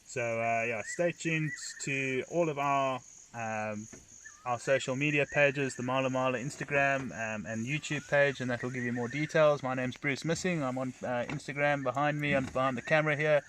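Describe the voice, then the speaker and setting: Safari guide, bright male voice. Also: medium pitch, steady tone, normal speed. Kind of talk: live wildlife sighting commentary. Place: outdoors at night in a safari vehicle. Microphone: cell phone. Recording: noisy outdoor phone livestream, insects, vehicle.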